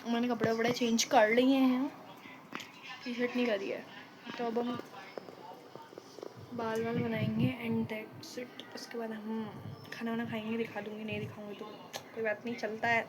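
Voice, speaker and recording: Chatty young woman vlogging over loud noise. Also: a little high, little pitch movement, normal speed, long pauses. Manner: chatty, laughs often, addresses viewers directly. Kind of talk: casual vlog chat.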